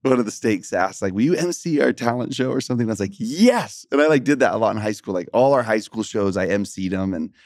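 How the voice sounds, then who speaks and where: A man co-hosting a casual faith podcast, animated and joking, laughing often as he tells stories. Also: lowish voice, quick pace, hardly any pauses, no room sound, studio quality. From Texas. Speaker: podcast co-host. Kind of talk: casual gospel podcast chat.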